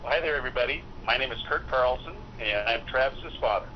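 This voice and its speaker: A middle-aged man from Utah, an airline pilot, talking calmly over a speakerphone and explaining things with frequent pauses. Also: medium pitch. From Utah, USA. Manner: calm, explanatory, pauses often to think. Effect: heard over a speakerphone. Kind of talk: casual phone interview. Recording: muffled speakerphone call with steady noise.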